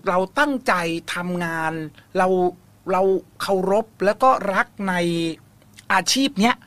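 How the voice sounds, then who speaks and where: A man's voice: sits high, slow pace, no echo. A man hosting a ghost-story radio talk show, chatting casually and encouragingly with a caller, often humming along. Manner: warm, encouraging, many soft hums. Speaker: host. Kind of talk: casual chat.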